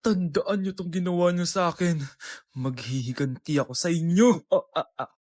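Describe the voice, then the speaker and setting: A woman voicing an abandoned child swearing revenge in a low, menacing growl. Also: normal speed, a little mellow, no room sound, natural voice. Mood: vengeful.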